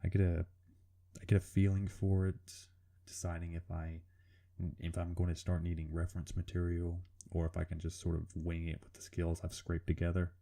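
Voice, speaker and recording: A man with a rumbly, serial-killer-like voice, giving informal, hesitant, self-deprecating commentary over a drawing video, with casual swearing. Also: completely flat delivery, a little fast, gravelly, dark tone. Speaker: artist narrating a drawing video.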